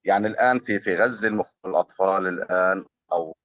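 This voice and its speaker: A man with a Palestinian Arabic accent giving earnest, formal-leaning testimony, pausing often as he speaks. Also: sits low, a bit bright, no echo, muffled recording, faint music behind. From Gaza, Palestine. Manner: hesitant, pausing often with fillers. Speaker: journalist being interviewed.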